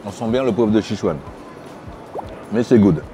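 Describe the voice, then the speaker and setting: A middle-aged man hosting a food vlog, giving measured, descriptive tasting remarks in a casual way. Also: fairly low pitch. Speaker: food vlogger host. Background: background music.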